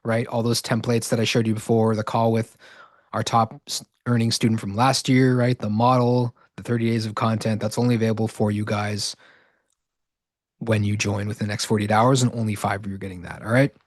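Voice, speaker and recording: Man pitching a webinar, tic-ridden "right?". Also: little pitch movement, brisk, dry recording, studio quality. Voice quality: verbal tic, repeating "right?". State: slightly hoarse. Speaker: online course host. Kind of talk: live webinar sales pitch.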